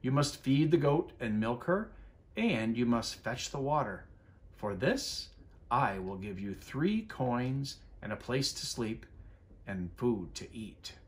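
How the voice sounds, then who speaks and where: Storybook grandma witch, played by a man: elderly, firm yet kindly, singsong, very animated pitch, unhurried. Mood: firm, instructing. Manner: singsong chanting and firm instructing.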